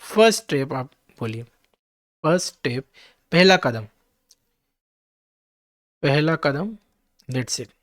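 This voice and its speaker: Slow, dry-voiced man teaching English. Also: a little high, animated, fairly bright tone, no room sound. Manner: spells words letter by letter, checks in with listeners. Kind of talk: vocabulary lesson for exam students.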